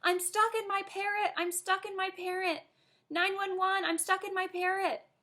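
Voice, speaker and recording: Woman playing a high, lively little storybook girl, dramatic and pleading. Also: unhurried, exaggerated voice. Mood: panicked. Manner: pleading, excitable, shouty.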